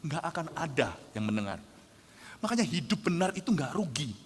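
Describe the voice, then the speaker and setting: A man in his forties, a pastor, preaching a lively storytelling sermon that swings from low asides to shouted punchlines. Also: brisk, husky. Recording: reverberant hall with faint music.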